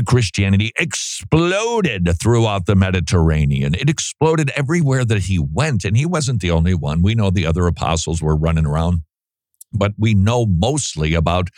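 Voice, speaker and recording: A low-voiced man hosts religious talk radio, sounding stuffed up and nasal, as if his nose were pinched. His delivery is emphatic and dramatic, with a lively swing in pitch and repeated stop-and-start phrases. The sound is dry and close. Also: dry recording. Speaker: radio show host.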